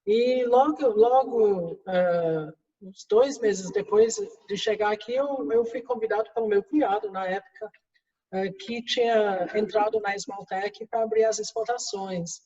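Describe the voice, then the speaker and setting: This is a middle-aged English-accented woman from England, interviewed as a guest executive in a language that isn't her first. Her voice sits at medium pitch with a dark tone and a slightly slow pace. Her replies contain many fillers and restarts, captured in a dull, roomy, distant recording.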